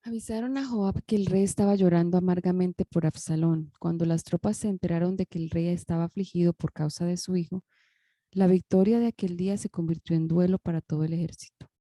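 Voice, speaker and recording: A woman reading a Bible passage aloud, careful and measured, sometimes restarting a word. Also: fairly low pitch, steady tone, warm tone, dry recording. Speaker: scripture reader.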